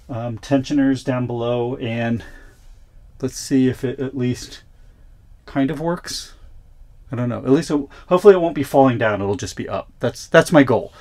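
A man's voice: medium pitch, warm tone. A man vlogging casually, chatting and thinking aloud while fixing things on his van. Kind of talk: casual vlog narration.

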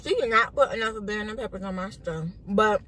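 A young woman vlogging from inside a car, teasing her mother and chewing loudly between words. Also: mid-range voice, fairly quick. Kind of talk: casual vlog chat. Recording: noisy car recording.

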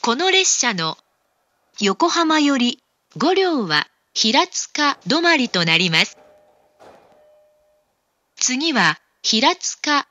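A woman making formal, scripted train station announcements in a measured, carefully enunciated way. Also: sits high, very animated, pushed and bright, dry recording, highs cut off.

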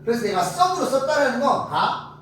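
A man teaching English grammar to a class, drilling students with quick questions and lively explanations. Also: extremely high pitch. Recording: echoey classroom from far off, faint noise.

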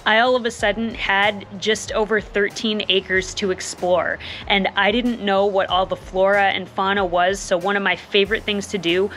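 A homesteading vlogger in her thirties talks casually to her phone camera, held at arm's length, on a covered back porch outdoors. Her voice is mid-range and fairly bright, level in tone, at a moderate pace with hardly any pauses. She's enthusiastic and chatty, repeating words for emphasis, with slight background noise.

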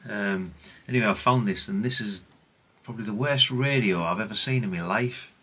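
This radio-repair hobbyist, a middle-aged Brit, talks through a casual hands-on demo at normal speed in a lowish voice that is bright and forceful with a breathy edge. He rambles without a script, mocks himself, and swears mildly.

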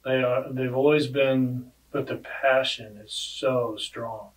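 A middle-aged male podcast host with a mid-range voice asks questions slowly and with fairly even intonation, in a friendly, chatty, self-deprecating casual interview. He sits in a studio with dark padded walls at a podcast mic on a desk arm, though the mic sounds distant and the recording is low quality.

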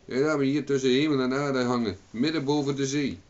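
A man's voice: mid-range voice, steady tone, brisk, pitched above the performer's own voice, close to an everyday voice. A man voicing a bold, quarrelsome dreaming man in a folk tale. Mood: shouting. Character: bold dreaming Irish man, talks back. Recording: dull lo-fi recording.

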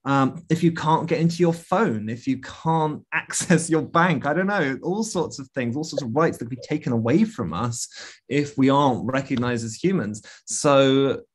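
A man's voice: medium pitch, moderate pace, breathy edge. A man, a guest artist, answering questions on a video call, thoughtful and full of fillers and restarts. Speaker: guest speaker, media artist. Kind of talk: casual talk and Q&A.

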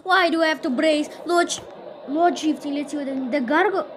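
A woman's voice: high voice, moderate pace, background noise. A woman giving casual, rambling gameplay commentary, exasperated and talking straight to her viewers. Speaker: gaming channel host.

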